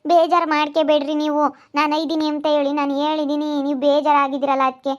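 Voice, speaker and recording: Woman caregiver, high and level, coaxing, lo-fi sound. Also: flat delivery, fast talker. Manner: coaxing, caring questions. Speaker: family caregiver.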